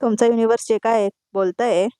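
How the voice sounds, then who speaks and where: A woman voicing a stubborn, sharp-tongued young wife in a serial recap, with tart, dismissive retorts in a dry sound. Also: on the high side, steady tone, fairly quick, smooth, no echo, natural voice.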